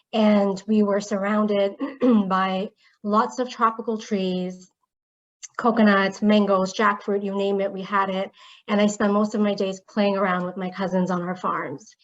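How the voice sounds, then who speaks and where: A woman in her thirties, originally from Bangladesh, earnestly telling her personal story as a conference speaker. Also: mid-range voice. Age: 30s. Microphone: video call. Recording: dull lo-fi video call audio.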